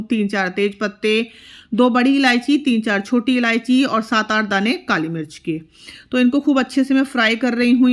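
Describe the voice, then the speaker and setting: A woman's voice: a little high, a bit bright. A middle-aged woman in her home kitchen, chatting casually as she explains each cooking step. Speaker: cooking vlogger.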